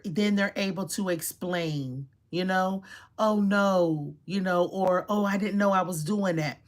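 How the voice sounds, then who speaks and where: Speaking at a medium pitch, this middle-aged woman gives viewers relaxed advice on relationships, preaching with lots of energy and performing the quoted scenes herself.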